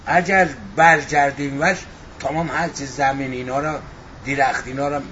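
A man rambling in halting explanations as a guest. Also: mid-range voice, steady tone, sharp tone. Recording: dull sound with clear background noise.

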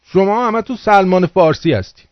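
A high-pitched man with lively intonation hosts a radio call-in show, berating his listeners in a crude, furious political rant. The sound is dull, lo-fi, and dry, with no room ambience.

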